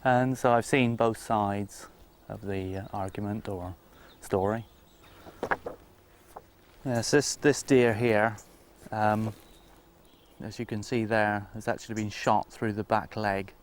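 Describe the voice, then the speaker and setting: Low, even-voiced man explaining informally. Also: takes it slowly. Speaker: deer stalker.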